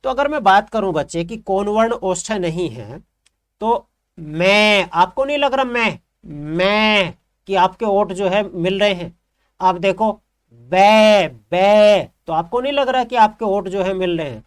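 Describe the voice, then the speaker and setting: A man's voice: sits high, lively intonation, moderate pace. A male teacher giving a lesson, repeating each term and asking the class questions.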